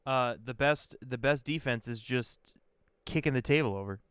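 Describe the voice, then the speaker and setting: Card game co-host guy, smooth clear voice, dry close sound, goofy banter. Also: mid-range voice, moderate pace, fairly bright tone, no room sound. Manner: playful, jokey banter. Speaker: tournament co-commentator. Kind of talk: casual joking commentary.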